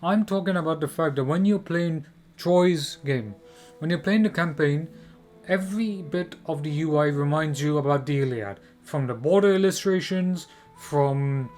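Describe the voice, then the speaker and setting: Male game commentator, slightly high voice, emphatic and repetitive opinion delivery, music bed underneath. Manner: emphatic and repetitive, with rhetorical questions.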